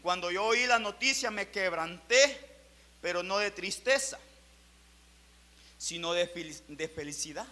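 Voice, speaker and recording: Male pastor, sermon delivery, very high and piercingly bright voice, fervent with surging volume. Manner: fervent preaching with swelling and dropping loudness.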